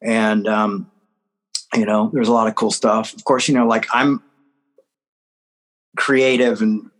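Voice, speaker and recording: A man's voice: fairly low pitch, flat delivery, takes it slowly, poor audio. A man in his forties, a podcast guest, rambling with many fillers and small laughs. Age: 40s. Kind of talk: casual interview chat.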